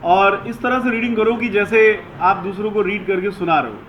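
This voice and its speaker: A man teaching a classroom English lesson, giving slow, deliberate instructions and mixing Hindi with English. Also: high-pitched, a bit bright, a little hiss or hum, rough recording.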